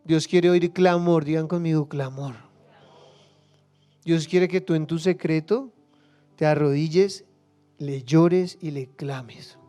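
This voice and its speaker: A male pastor delivers a passionate sermon in a high, smooth, resonant voice. He acts out prayers and Bible figures, swinging from hushed asides to loud cries, with faint music underneath. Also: slow pace, pauses often.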